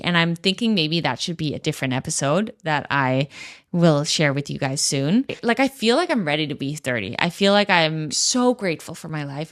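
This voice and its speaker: A woman in her late twenties hosting a solo podcast Q&A, talking in an earnest, reflective and encouraging way. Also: sits low. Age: 20s. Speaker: podcast host.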